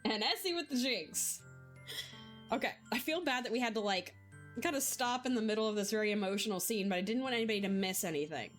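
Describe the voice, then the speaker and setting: Animated woman streamer, high voice. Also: fast talker, soft background music. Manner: animated and expressive. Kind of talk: casual let's-play chat.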